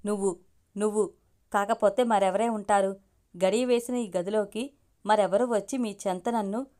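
A woman's voice: medium pitch, steady tone, normal speed, dark tone, natural voice. A woman reading a story aloud, voicing a distraught young woman medical student who cries out her accusations. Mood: shouting. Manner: accusing, crying out.

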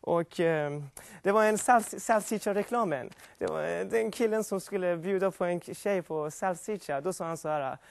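A man's voice: high-pitched, vocal fry, hardly any pauses. A man casually telling jokes and introducing his sketches and impressions, rambling and restarting often. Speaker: amateur comedian doing impressions.

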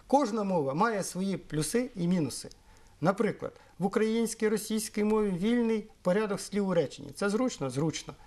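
A middle-aged man from Ukraine explaining things in an interview, measured and pausing often on fillers. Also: high voice, expressive, a little mellow. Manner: measured, with frequent hesitations and fillers. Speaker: interviewee, Esperanto historian.

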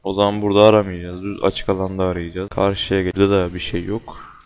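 A young man with a fairly low voice talks through a horror game at his computer. He keeps up casual, jumpy commentary, swearing freely and yelping when something startles him. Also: flat delivery, fast talker, a little mellow, smooth. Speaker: gaming channel host.

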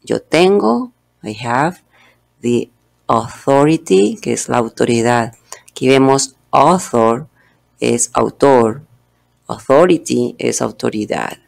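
A man's voice: mid-range voice, animated, slow pace, gravelly. A man whose first language is Spanish teaches English through a religious text, going word by word and repeating pronunciations. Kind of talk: bilingual religious English lesson.

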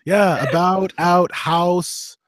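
A high-voiced man in his thirties with a slight Canadian accent speaks extremely slowly, first giving a steady dramatic reading of an action novel as audiobook narrator, then chatting and laughing about narration as host. He uses a studio condenser mic and headphones in a small home studio draped in dark fabric, producing studio-quality sound with no echo.

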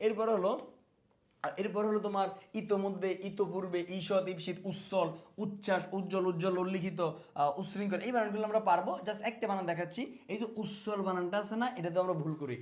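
A man's voice: high-pitched, fairly even intonation, fast, a little mellow. A man teaching an exam spelling lesson, speaking to students as friends and repeating words so they stick. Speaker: exam prep tutor.

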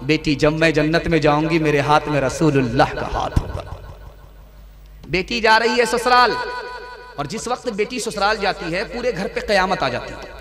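A male preacher with a high voice delivers an emphatic sermon, swinging his tone widely as he tells his stories. His voice carries a long, echoing reverb from the hall's sound system. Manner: emphatic storytelling with dramatic pitch swings. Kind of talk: Urdu-Hindi religious sermon at a gathering. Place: large hall or tented gathering.

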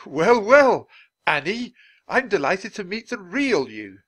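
A man performs a full character voice as a kindly but indignant English gentleman author in a storybook, speaking in a grand, emphatic, theatrical way. The voice is high, pushed up, and sing-song, delivered slowly with a delighted, curious mood.

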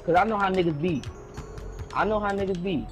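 A man's voice: sits high, a little fast. A man in a voice chat during a basketball video game, boasting and swearing with sing-song jabs. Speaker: gamer on voice chat. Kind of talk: trash-talking gameplay chatter. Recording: game music behind the voice.

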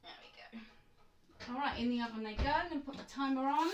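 A woman's voice: high-pitched, racing, lo-fi sound, slight background noise. A woman hosting a casual home cooking demonstration, chatty and hesitant with lots of filler words. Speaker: cooking channel host. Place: home kitchen. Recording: echoey kitchen, mic far off.

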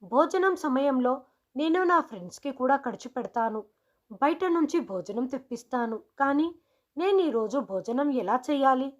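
A woman voicing a proud, spoiled schoolgirl who talks loudly and boastfully. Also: sits high, expressive, moderate pace, muffled recording. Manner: loud, boastful.

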